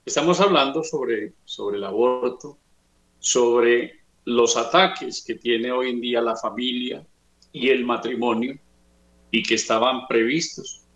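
A man giving an earnest religious talk, slow and emphatic, retelling scripture stories. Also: medium pitch, fairly even intonation, fairly bright tone. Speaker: speaker on family and faith. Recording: roomy echo.

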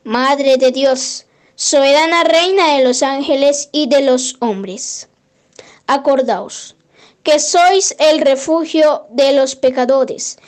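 A woman with a high, light voice leads a prayer, taking each verse at an unhurried, deliberate pace. Her recitation is measured and devotional, with the steady cadence of someone reading a litany aloud. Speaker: prayer leader.

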